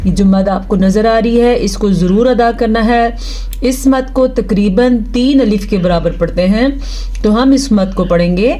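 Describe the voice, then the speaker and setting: A woman teaching Quran recitation step by step, explaining patiently and drawing out each recited word slowly. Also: on the high side, warm tone. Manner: slow, patient explaining with drawn-out recited words.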